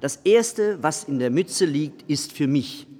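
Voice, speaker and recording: A man's voice: on the high side, slow. Man putting on a sly little gnome voice. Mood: cheeky. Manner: cheeky, excitable exclamations. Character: small sly gnome man in red pointed cap. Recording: long reverb with faint music behind.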